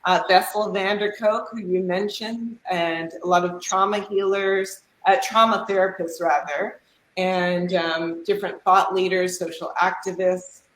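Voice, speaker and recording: A woman's voice: on the low side, fairly even intonation, unhurried, fairly bright tone. A middle-aged woman speaks reflectively as a yoga and retreat teacher, heard over a video call whose audio keeps cutting out, so her volume rises and drops unevenly. Her voice sits in a noticeably echoey room. A faint hiss of background noise runs underneath. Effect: remote call audio cutting out, uneven volume. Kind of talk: reflective conversational interview answers.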